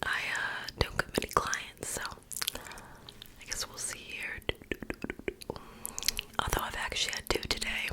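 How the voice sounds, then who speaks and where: A woman's voice: measured pace, long pauses. Woman in a whispered role-play. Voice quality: unvoiced, breathy whisper. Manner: soft, casual, chatty, reassuring. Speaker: ASMR creator playing a piercer.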